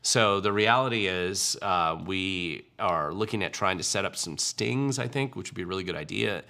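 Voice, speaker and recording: A low-pitched man with a gravelly, bright edge to his voice answers viewer questions on a livestream. His talk is casual and wry, full of ums and restarts. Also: moderate pace. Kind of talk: casual political commentary livestream.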